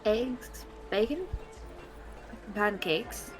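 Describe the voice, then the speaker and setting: A woman's voice: mid-range voice, extremely slow. A woman chatting casually as a player in a tabletop role-playing game. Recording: faint music behind the voice. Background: faint music.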